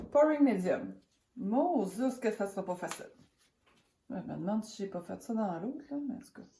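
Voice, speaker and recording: A woman's voice: a little high, darkish tone, roomy sound. A woman with a Quebec French accent and a cold, giving a casual painting tutorial in a chatty, rambling, hesitant way, thinking aloud. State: has a cold. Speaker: craft tutorial host.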